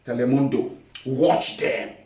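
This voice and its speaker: A man's voice: medium pitch, steady tone, slow, darkish tone. A man hosting a morning political commentary broadcast, sarcastic, mocking and emphatic. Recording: roomy echo, distant from the mic.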